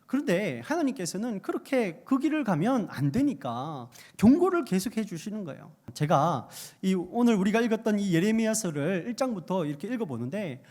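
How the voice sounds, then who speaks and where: A man's voice: high voice, very animated, moderate pace, hardly any pauses, darkish tone. A man preaching a sermon as a pastor, asking his listeners rhetorical questions and driving points home by repeating phrases. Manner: builds emphasis by repeating phrases.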